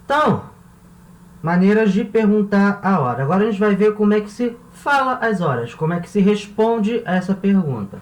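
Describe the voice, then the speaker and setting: Patient teacher in an echoey room. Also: male voice, high-pitched, very animated. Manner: patient, repeats words slowly, checks in with "tá?" and "né?". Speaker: language teacher. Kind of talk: classroom-style video lesson. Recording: echoey room with faint ambience.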